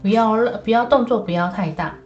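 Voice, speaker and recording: A woman voicing a cautious, sensible young boy who protects his little sister, often speaking in a hushed, careful way. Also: fairly high pitch, brisk, dull audio, lightly acted.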